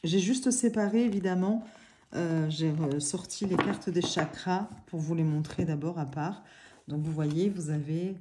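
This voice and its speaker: A woman with a mellow, low-pitched voice talks through an oracle book and cards in her living room. She chats casually, filling pauses and apologizing now and then. She sounds like she is speaking to a camera on a tripod. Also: a little hiss or hum. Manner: chatty, many fillers and apologies. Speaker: oracle card reviewer. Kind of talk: casual product review.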